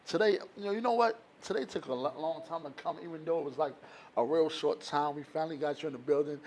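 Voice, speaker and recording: A man hosting a casual podcast interview, laid-back and quick to affirm with no doubt and dope. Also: fairly high pitch, a little mellow. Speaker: podcast host. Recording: faint background noise.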